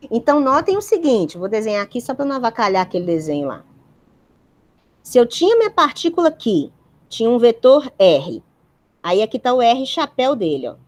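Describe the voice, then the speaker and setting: A woman's voice: on the high side, darkish tone. A woman giving a university physics lecture, explaining step by step and checking in with her students.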